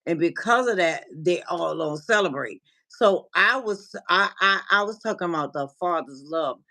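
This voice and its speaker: Chatting on a casual livestream, this Minnesota life coach greets viewers from the chat, restarting often and laughing a lot. Her voice is on the low side, expressive, pushed and bright, at a normal pace.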